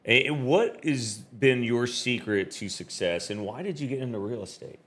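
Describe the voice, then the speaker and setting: A man's voice: medium pitch, normal speed, a bit bright. A man hosting a podcast interview, friendly, often repeating his guest's answers back. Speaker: podcast host.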